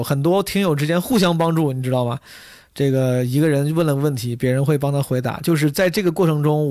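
A man hosting a podcast in a chatty, casual monologue, speaking straight to listeners with a hoarse, gravelly voice worn out from hours of talking. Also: a little high, a little mellow, dry recording, studio quality. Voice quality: gravelly, husky. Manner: chatty, addresses listeners directly. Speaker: podcast host.

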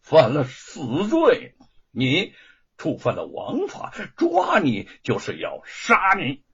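A man voicing a brutal guard captain who snarls slowly and menacingly. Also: fairly high pitch, huge pitch swings, vocal fry, a bit bright, husky, exaggerated voice. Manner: slow menacing snarl with a harsh laugh. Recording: dull lo-fi recording.

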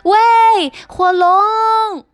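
A woman's voice: high voice, animated, unhurried, fairly bright tone, soft background music, voice pushed up. A woman voicing a clever, plucky young princess in a storybook reading, with eager exclamations. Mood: excited.

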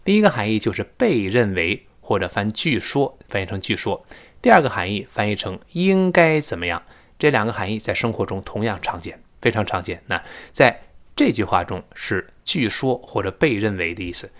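A man teaching an English lesson, explaining with eagerness and slowly repeating words to model how they sound. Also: fairly low pitch, sing-song, a bit bright.

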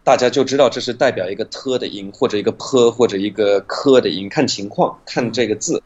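A man, a guest teacher, patiently explains pronunciation and slowly demonstrates sounds in an interview. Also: on the low side, a little mellow, husky, highs cut off.

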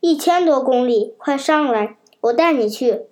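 A big, wise pigeon from a storybook gives gentle advice, as a woman reads it aloud. The tone is kindly and fairly high. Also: measured pace.

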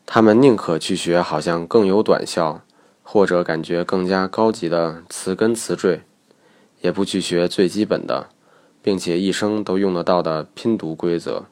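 A man's voice: deep voice, normal speed, darkish tone. A man teaching English study methods in a methodical, matter-of-fact lecture. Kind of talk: instructional lecture.

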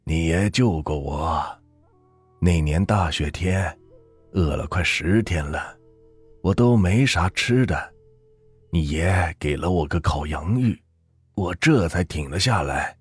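A slow, husky old ghost, as a male storyteller puts him on speaks from a storybook tale in a low, breathy drawl. He sounds kindly and wistful. The recording is dry with faint music underneath. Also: expressive, no echo, heavily acted.

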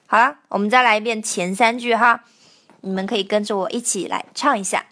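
A young woman teaching the pronunciation of a song line by line, explaining each sound and then singing short phrases slowly to show it. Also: medium pitch, steady tone, sharp tone.

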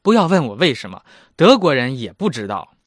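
A man's voice: mid-range voice, big pitch swings, fairly quick, slightly rough, no room sound, clean studio sound. A man in his thirties hosting a casual language lesson, chatty and self-mocking. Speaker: German language teacher and host.

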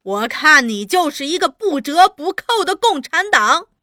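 A woman's voice: on the high side, animated, unhurried, no room sound, clean studio sound. A woman voicing a cruel barking male interrogator. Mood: menacing. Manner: mocking, threatening, loud barked orders.

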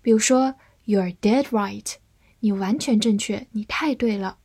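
A woman teaching English vocabulary in Chinese, a native Chinese speaker who spells each word letter by letter and repeats it slowly. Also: mid-range voice, a little mellow, husky, no echo. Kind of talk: slow, deliberate vocabulary lesson.

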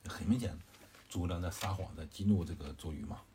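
A man retells an old tale in a relaxed, chatty way, pausing to explain and to quiz his listeners. His voice is very low and dark, with soft drawn-out particles. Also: slight background noise. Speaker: storyteller. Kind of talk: casual explanatory story retelling.

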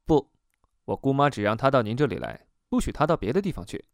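A cold young woman who speaks firm and clipped, as a man narrating a storybook puts her on. The read moves freely in pitch, and the close recording is dry. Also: big pitch swings, quick pace, creaky, no room sound.

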